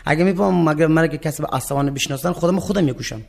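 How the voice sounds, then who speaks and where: Gravelly young man with an Afghan accent. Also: a little high, darkish tone. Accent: Afghan Persian. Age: 20s. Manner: short plain answers, halting and repetitive. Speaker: murder suspect being interviewed. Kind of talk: answering an interview.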